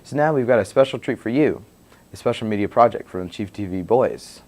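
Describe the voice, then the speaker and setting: A man's voice: on the low side, lively intonation, brisk, a little mellow. A young man reading scripted school announcements as a student news anchor.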